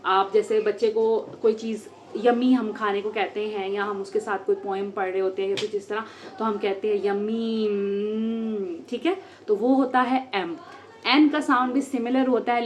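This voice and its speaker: A woman teaches phonics at home and stretches each letter sound slowly. Her voice sits a little high. Faint background noise runs under the recording. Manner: slow, drawn-out sounding of letters. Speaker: homeschool teacher. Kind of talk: phonics lesson demo.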